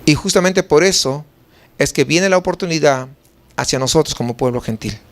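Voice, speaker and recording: A man's voice: a little high, normal speed. A male pastor with a Mexican Spanish accent preaching a sermon, asking rhetorical questions and answering them himself.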